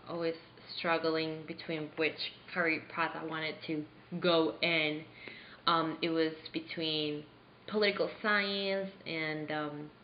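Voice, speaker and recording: Young woman from Venezuela, low voice, earnest and halting, roomy slightly dull recording. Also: a little hiss or hum. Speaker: interviewee playing a charity founder. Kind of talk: staged mock interview.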